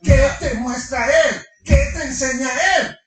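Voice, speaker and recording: A middle-aged man preaching a sermon to his congregation, animated, firing rhetorical questions and slipping in humorous asides. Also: very high-pitched, slow, music in the background. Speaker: pastor. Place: large congregation hall. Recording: echoey hall from far off.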